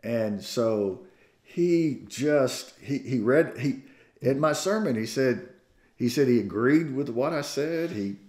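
A man's voice: medium pitch, animated, slow pace, a little mellow. A man in his sixties with a Southern American accent, preaching a sermon as pastor with folksy storytelling and self-deprecating jokes. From Southern United States. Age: 60s. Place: church sanctuary. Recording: echoey church room.

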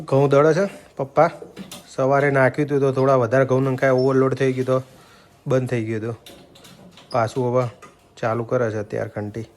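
A man's voice: mid-range voice, little pitch movement, brisk, pauses often, slight background noise. A man vlogging casually from his family home, chatty and teasing, talking to his viewers while feeling a bit feverish. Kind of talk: casual family vlog narration.

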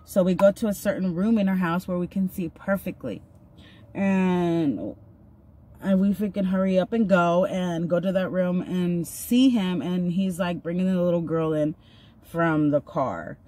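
This woman's voice is fairly low, mellow and a little slow. In her thirties, she vlogs about something personal as she does her makeup in a parked car, chatty and earnest with frequent fillers. Her phone camera films her from arm's length.

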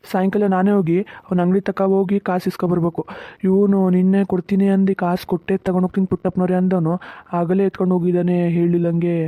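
An actor voicing a fussy older village farmer, in a cartoon, grumbling and talking to himself fast. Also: medium pitch, dry recording, lightly acted. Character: older village farmer with coconut grove, fussy, fretting about money. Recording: tinny narrow-band sound, dry.

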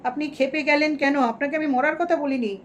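A woman's voice: high-pitched, fairly even intonation, brisk, slight background noise, pitched above the performer's own voice, lightly acted. A woman playing an indignant female commenter who lectures and reproaches. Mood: reproachful.

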